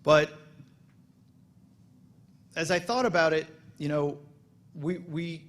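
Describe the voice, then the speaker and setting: A man's voice: fairly high pitch, takes it slowly. Casual joking man at a podium. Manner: casual, self-deprecating humor, frequent restarts. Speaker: congregation president. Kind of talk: welcome speech at a holiday service. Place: synagogue sanctuary.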